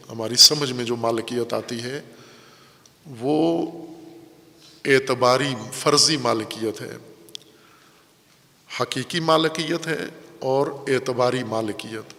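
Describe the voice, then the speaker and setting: A man giving a religious lecture, explaining word meanings in a measured way and repeating key words for emphasis. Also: mid-range voice, bright, forceful tone. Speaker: Quran commentary teacher. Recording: long hall reverb.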